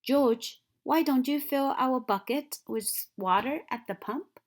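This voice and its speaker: A woman voicing a friendly grown man in a storybook, a caring guardian who instructs and gently cautions. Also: sits high, slow pace, voice pushed up. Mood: friendly, instructive.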